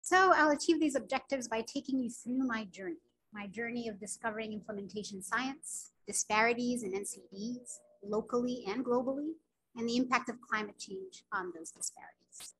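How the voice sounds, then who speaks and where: Over a video call, a physician from Sudan, a native Arabic speaker, delivers a grand rounds lecture earnestly, weaving in personal stories and frequent fillers. She speaks at a moderate pace in a fairly high, slightly bright voice, and the recording is rough.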